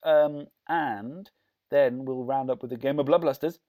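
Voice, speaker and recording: A man's voice: mid-range voice, a little slow, dark tone. A man with a Bristol-tinged English accent, hosting a podcast in a casual, jokey, rambling way. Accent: English, Bristol-influenced. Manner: jokey, digressive. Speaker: podcast host. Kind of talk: casual chat.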